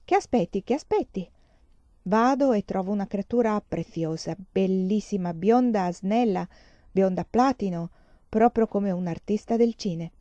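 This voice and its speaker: A woman reading an audiobook, voicing a stout, breathless older Spanish mother who speaks in a shrill, singsong voice with a Spanish-tinged manner. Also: a little slow, warm tone, no echo, lo-fi sound, natural voice. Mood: excited.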